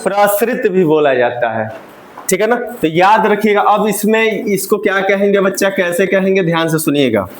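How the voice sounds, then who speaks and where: A man's voice: high-pitched, expressive, moderate pace, slight background noise. A male teacher giving a Hindi grammar lesson, asking the class questions and having them repeat the answers. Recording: roomy classroom echo.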